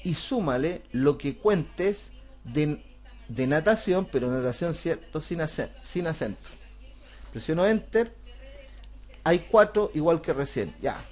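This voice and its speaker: A man talks through a spreadsheet lesson step by step. His voice sits a little high, and he keeps checking in with rhetorical questions. It sounds like a close desk or headset mic on a screen recording. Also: expressive, slow. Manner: patient, step-by-step explaining, asks rhetorical questions. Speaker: computer class teacher. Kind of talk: screen-recorded software tutorial.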